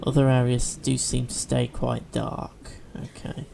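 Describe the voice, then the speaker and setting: A man's voice: medium pitch, completely flat delivery, unhurried, vocal fry, background noise. A man chatting through a video game as he plays, thinking aloud with fillers and restarts. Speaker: let's play host. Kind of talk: gameplay commentary.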